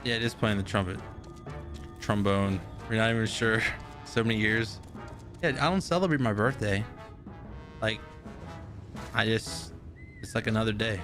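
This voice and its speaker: A man in his thirties talks casually over a live game stream in a slightly low voice. He rambles and jokes freely, with some swearing, and soft music plays underneath. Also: normal speed, pauses often. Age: 30s. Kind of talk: casual live gameplay chat.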